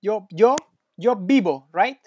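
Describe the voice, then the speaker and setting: Slow, patient male language tutor. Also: sits high, animated, darkish tone, highs cut off, slight background noise. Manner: patient, encouraging, praises often. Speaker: Spanish teacher.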